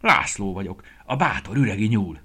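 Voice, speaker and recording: A man's voice: on the low side, big pitch swings, pushed and bright, husky, exaggerated voice. A man voicing a boastful, brave little male rabbit in a children's story, talking in a cocky, sing-song way.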